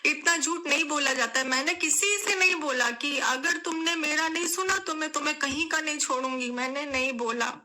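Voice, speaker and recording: A woman's voice: high-pitched, fairly quick, few pauses, noisy background. A young woman vlogger speaking straight to her viewers, tearful and pleading, repeating her phrases as her voice breaks. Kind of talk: emotional vlog statement to camera.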